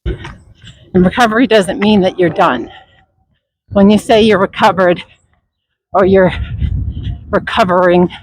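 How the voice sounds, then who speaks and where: A runner talking while out running, reflecting in a motivational vlog in short, broken, unscripted phrases with pauses. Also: medium pitch, husky, no room sound, poor audio. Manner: reflective, halting, unscripted delivery. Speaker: runner vlogging.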